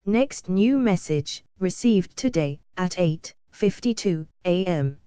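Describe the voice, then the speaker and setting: A mechanical answering-machine voice, done by a woman, reading out messages in slow, clipped, flat phrases. The tone is dark and very smooth. It sounds dry and close. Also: on the low side, no echo.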